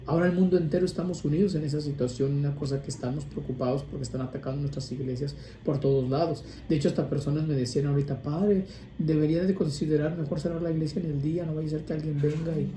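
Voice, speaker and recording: A man's voice: a little high, fairly even intonation, fast talker, warm tone. A male priest giving an informal, conversational sermon on prayer, often restarting and adding asides. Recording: echoey room with faint ambient noise.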